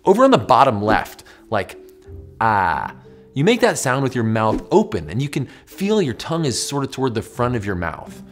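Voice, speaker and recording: Animated American man hosting a science explainer. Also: mid-range voice, brisk, hardly any pauses, soft background music. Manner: animated, emphatic, demonstrating mouth sounds. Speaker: host of an educational science show. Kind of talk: scripted explainer to camera, conversational. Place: small furnished indoor studio with bookshelf.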